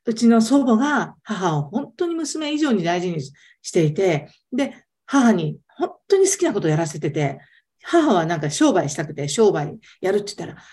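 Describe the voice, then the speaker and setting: A woman's voice: mid-range voice, sing-song, normal speed, mellow. A woman, an interview guest telling her story in a casual, emphatic way.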